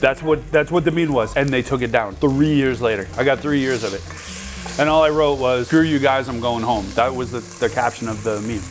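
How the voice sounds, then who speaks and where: Casual home-cook host, forties, rambling and chatty, sizzling pan and clear music under the voice. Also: male voice, mid-range voice. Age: 40s. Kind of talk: casual cooking chat.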